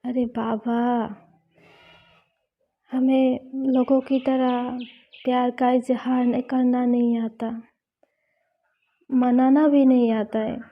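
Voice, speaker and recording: A woman's voice: a little high, flat delivery, very slow, pauses often, full character voice. A woman voicing a playful, affectionate young college woman who teases and coaxes her girlfriend, read out in a storybook. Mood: coaxing. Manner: teasing, coaxing. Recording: slightly dull lo-fi recording.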